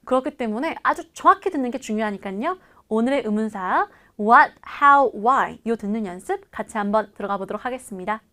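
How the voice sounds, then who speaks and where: A woman teaching a language lesson in a lively, coaxing way, repeating phrases for learners to follow. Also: fairly high pitch, fairly quick. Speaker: English teacher. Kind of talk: video lesson.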